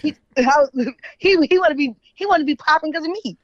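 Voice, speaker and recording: Speaking fairly quickly in a high voice, this American woman is a guest on a conversational interview, an author and journalist sharing strong opinions casually. She keeps checking in with "right?" and "you know what I'm saying." The audio is dull but echo-free.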